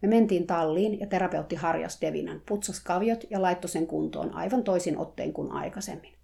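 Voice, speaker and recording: A woman reading a first-person story aloud in a calm, measured way. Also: fairly low pitch, vocal fry. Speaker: narrator.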